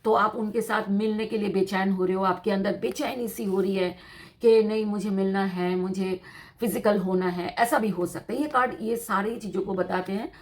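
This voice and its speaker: A woman's voice: mid-range voice, fairly even intonation, normal speed. A woman giving a tarot reading to her viewers in a teacherly, explanatory way, repeating her points and mixing in English terms. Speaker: tarot reader.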